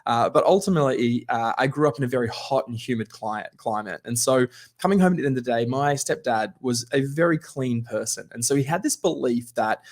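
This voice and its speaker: A man's voice: mid-range voice, brisk. Australian man telling a story. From Queensland, Australia. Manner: conversational, anecdotal, with light laughs. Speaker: keynote speaker. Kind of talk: storytelling talk.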